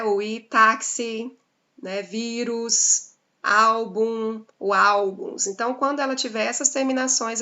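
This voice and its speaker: A woman's voice: fairly high pitch, bright, forceful tone, highs cut off. A woman teacher with a Brazilian accent giving a grammar lesson to her class, explaining step by step and checking in with "né?". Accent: Brazilian Portuguese. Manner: explains slowly, spelling out examples with frequent "né?". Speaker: Portuguese teacher.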